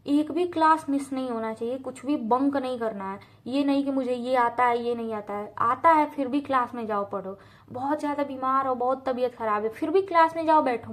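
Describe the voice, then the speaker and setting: A woman's voice: high-pitched, a bit bright. A young woman from India giving earnest, direct study advice in a casual talk to camera, repeating points for emphasis and slipping in English phrases. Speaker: student advice vlogger.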